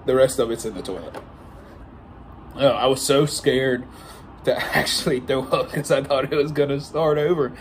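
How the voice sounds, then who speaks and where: A man in his twenties chats casually to his camera. His voice sits at a middle pitch, and he is recorded in a bedroom with some background noise. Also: moderate pace. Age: 20s. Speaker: vlogger. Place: small hotel-like bedroom, indoors. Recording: faintly noisy room recording.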